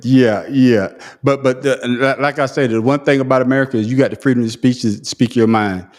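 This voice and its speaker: This podcast host has a medium-pitched, steady, slightly mellow voice and talks a little fast. He's caught up in a heated casual debate, making his case forcefully and frequently starting sentences over.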